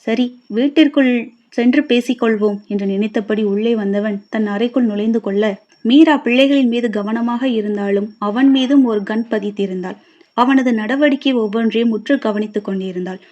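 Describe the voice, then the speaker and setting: A woman reading a scripted audio novel in an even, expressive voice. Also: medium pitch, normal speed. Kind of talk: scripted story narration. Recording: dull lo-fi recording.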